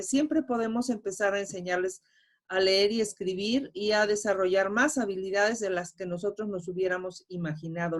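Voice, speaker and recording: A woman moderating a webinar, reading out audience questions in an encouraging, conversational way. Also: medium pitch.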